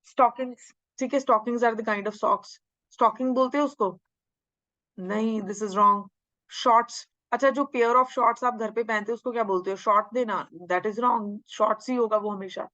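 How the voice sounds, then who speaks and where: Woman teacher, exam-prep grammar lecture, slow drawn-out lines, dry slightly dull sound. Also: fairly high pitch, fairly even intonation, sharp tone, dry recording. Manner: mixes Hindi and English, drawls English sentences slowly, asks and answers own questions. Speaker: English teacher.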